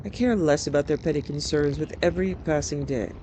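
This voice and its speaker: A man playing a gloating, high-pitched male necromancer. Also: dark tone, a little hiss or hum, lightly acted, rough recording. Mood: scheming, grandiose. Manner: theatrical, grandiose, deliberate. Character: gloating male necromancer, cruel, megalomaniac, proud of his monster. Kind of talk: dramatic villain monologue in a fantasy video game.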